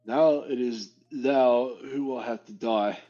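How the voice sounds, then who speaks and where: A man's voice: mid-range voice, slow pace, warm tone, faint music behind. Dude playing a cocky fearless young guy talking old-timey, lo-fi dull sound. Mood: defiant. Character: bold fearless young man, boastful.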